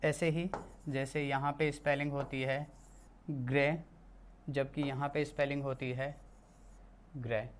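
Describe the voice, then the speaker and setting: Teacher from India, mid-pitched, talks through a lesson patiently, restating and correcting as they go. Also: flat delivery, measured pace, long pauses, a little hiss or hum. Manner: explains patiently, repeats and corrects itself often. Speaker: English teacher. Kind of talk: classroom lesson explained in Hindi.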